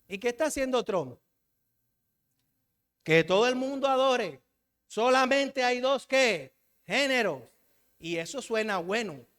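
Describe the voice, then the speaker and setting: A man's voice: sits high, fairly bright tone, smooth, in a large hall. A Colombian man preaching a sermon in a church, asking the congregation questions and having them call back the answers.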